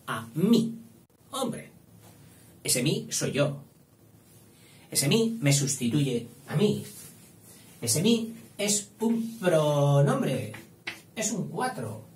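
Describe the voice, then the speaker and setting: A man's voice: a little high, sing-song, darkish tone. Man dictating, roomy echo. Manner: slow, spelling out words, playful asides. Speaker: teacher. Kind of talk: dictation lesson. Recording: echoey room, distant mic, faint hiss.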